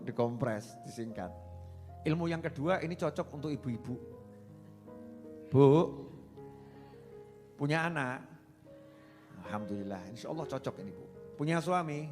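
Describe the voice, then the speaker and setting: A man with a Javanese accent preaching a sermon, lively and joking, slipping into Javanese phrases. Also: medium pitch. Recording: reverberant hall with faint music.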